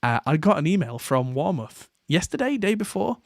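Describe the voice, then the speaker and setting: A man's voice: on the high side, sing-song, normal speed, no echo, clean studio sound. A man hosting a podcast, talking casually in a rambling way with plenty of fillers and restarts. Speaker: podcast host. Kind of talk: casual chat.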